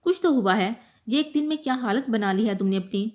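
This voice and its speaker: A woman doing a sharp, scolding young friend. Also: fairly high pitch, expressive, close to an everyday voice. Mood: worried.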